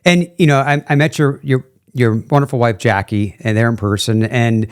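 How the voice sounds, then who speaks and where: A man's voice: medium pitch, fairly even intonation, normal speed. A man hosting a podcast, asking questions in a friendly, rambling way full of fillers. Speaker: podcast host. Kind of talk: casual podcast interview.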